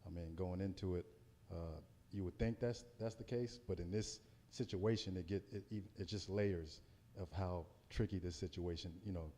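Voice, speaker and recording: A man's voice: sits low, moderate pace, mellow, long reverb tail, a little hiss or hum. An American man, a heavyweight boxer, giving a casual pre-fight interview in a hesitant, circling way. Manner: hesitant, circling, repeats words.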